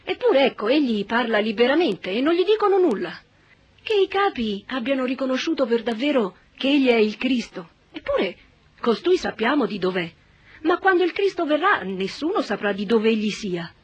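A woman's voice: fairly high pitch, big pitch swings, moderate pace, breathy edge, muffled recording. A woman voicing a member of the crowd in a dramatized Bible reading, asking questions in a wondering tone. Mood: questioning.

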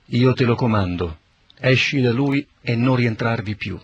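Jesus, calm authoritative teacher, raspy, solemn, man reading; dull lo-fi audio. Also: medium pitch. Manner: solemn, measured. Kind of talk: scripted Bible reading. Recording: dull lo-fi recording.

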